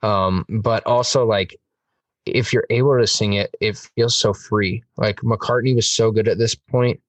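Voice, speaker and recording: A man's voice: fairly low pitch, fairly even intonation, unhurried, no room sound, distant mic. A man chatting on a music podcast, enthusiastic and rambling, with lots of fillers. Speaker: podcast host. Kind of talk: casual music podcast chat.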